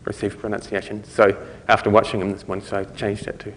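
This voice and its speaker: A man's voice: lowish voice, flat delivery, quick pace, in a large hall, a little hiss or hum. A man giving a conversational conference talk, explaining things step by step. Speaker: conference speaker.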